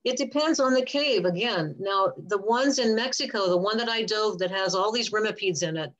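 An older woman scientist answering questions in a relaxed, rambling way over a video call. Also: medium pitch, normal speed, dull audio. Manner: chatty, rambling, self-correcting. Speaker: guest speaker, cave diving scientist.

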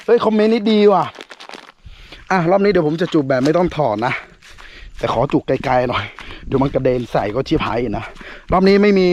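A young man casually vlogging a firecracker experiment outdoors, with lots of excited exclamations and talk straight to his viewers. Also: fairly high pitch, a little hiss or hum. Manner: excited exclamations, addresses viewers as brothers and sisters.

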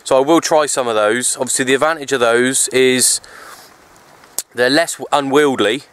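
Out in windy open parkland, a radio hobbyist vlogger rambles along in an easy, casual way, holding the camera at arm's length. His voice sits at medium pitch with a fairly bright, clean tone, and he keeps a moderate pace. The outdoor recording is noisy with wind.

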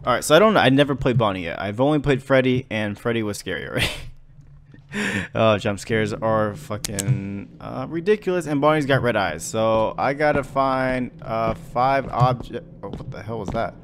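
A young adult man with a medium-pitched voice talks at normal speed with almost no pauses over slight background noise. He plays a frightened horror game streamer in his bedroom at home, giving casual, jumpy commentary full of panicky repeated exclamations and swearing while game music plays.

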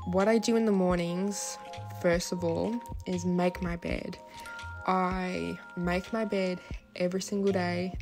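A young woman with a lisp and slushy s sounds, narrating her daily routine in a chatty, informal vlog voice-over. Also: fairly low pitch. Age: young adult. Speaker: vlogger. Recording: background music. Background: music.

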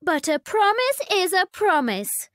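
A woman's voice: very animated, measured pace, fairly bright tone, no room sound, studio quality, exaggerated voice. A woman playing a whiny spoiled princess. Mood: demanding. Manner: high, petulant, demanding.

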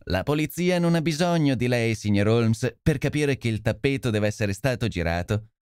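A man's voice: mid-range voice, expressive, normal speed, darkish tone, clear, resonant tone, no room sound, clean studio sound, close to an everyday voice. A man voicing a smug, boastful police inspector who talks down to the famous detective. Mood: smug, condescending. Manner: self-satisfied, condescending.

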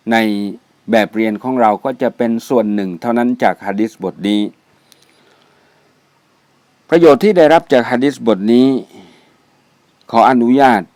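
Slow, deliberate male teacher repeating vocabulary. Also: mid-range voice, a little mellow, no room sound. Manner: repeats each Arabic word twice, then gives its meaning. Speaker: Islamic studies teacher. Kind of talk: slow vocabulary lesson, reading words and meanings. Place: mosque.

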